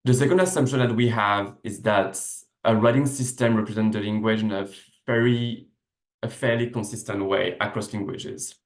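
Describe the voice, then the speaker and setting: A man whose first language is French gives an academic lecture with slides over a video call, seated at his desk. His voice is a little low and steady, at normal speed, explaining step by step with frequent "uh"s and self-corrections. The room sounds noticeably echoey through his laptop mic.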